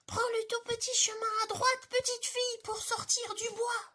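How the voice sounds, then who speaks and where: A woman reading a storybook and voicing a tiny, kind young bear in a loud, squeaky, very high voice. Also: little pitch movement, moderate pace. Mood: helpful.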